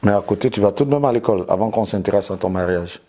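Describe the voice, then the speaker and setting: A man's voice: fairly low pitch, quick pace, mellow, slight background noise. A man interviewing a guest in her home, asking probing follow-up questions in a casual, informal way. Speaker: interviewer for an online celebrity news channel.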